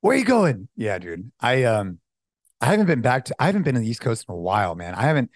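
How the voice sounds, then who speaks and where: A man's voice: medium pitch, big pitch swings, quick pace, no echo, studio quality. Upbeat casual podcast host, a man. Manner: upbeat, uses "dude" and "man" a lot. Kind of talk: casual chat.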